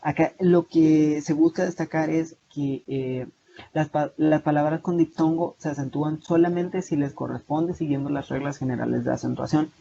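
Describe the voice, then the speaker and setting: Young salvadoran guy tutoring on a video call, kinda higher voice, mellow, lots of ehs. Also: moderate pace, creaky. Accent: Salvadoran Spanish. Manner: steady explanatory, many eh fillers and restarts. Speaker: online tutor. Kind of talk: lecturing over video call slides. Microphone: video call mic. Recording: muffled lo-fi video call with faint noise.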